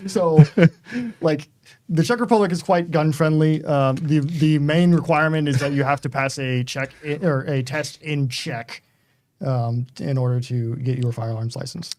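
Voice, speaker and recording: A man co-hosting a game livestream, talking casually in halting bursts with many pauses and restarts. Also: on the high side, a little mellow, dry recording. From United States. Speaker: stream co-host. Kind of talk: casual chat while gaming.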